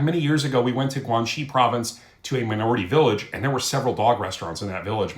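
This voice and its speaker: A man's voice: medium pitch, echoey room. A man hosting a reaction commentary, scolding and indignant as he rebuts a clip. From United States. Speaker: commentary host.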